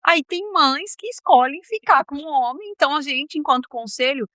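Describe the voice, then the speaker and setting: A woman's voice: high-pitched, normal speed, sharp tone, dry recording. A woman counselor in a podcast interview, earnestly telling examples from her work and family. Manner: earnest, tells examples with quoted dialogue. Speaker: guardianship counselor.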